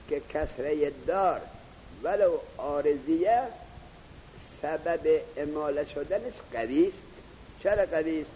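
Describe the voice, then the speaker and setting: A man teaching grammar in a classroom lecture, reading Arabic text slowly, then explaining it in Persian and putting questions to his students. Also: fairly high pitch, darkish tone, in a large hall, slight background noise, low-quality recording.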